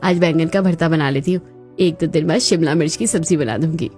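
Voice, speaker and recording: In a Hindi cartoon family story, a woman voices a practical, cheerful young housewife, with music playing behind her. Her voice is low-pitched, darkish and close to an everyday voice, a little fast, and her mood is upbeat as she explains things.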